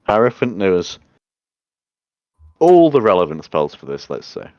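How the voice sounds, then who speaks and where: A man's voice: sits low, sing-song, unhurried, darkish tone, clean tone, no echo, lo-fi sound. A man running a tabletop game as game master, narrating and chatting in an informal, sweary way.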